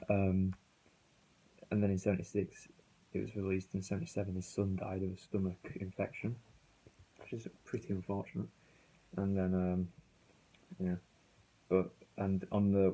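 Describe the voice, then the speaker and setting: A man's voice: low-pitched, dark tone, husky. A British man chatting casually and unscripted as an album reviewer, hesitant and rambling, his voice muffled on a failing phone. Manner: rambling, hesitant, self-correcting. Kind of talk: casual, unscripted vlog chat.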